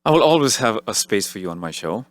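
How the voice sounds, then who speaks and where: A man with a very deep voice leads an interview with a relaxed, friendly manner. The sound is dry and close, with no room in it. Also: fast talker, no room sound. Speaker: radio host. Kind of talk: interview hosting.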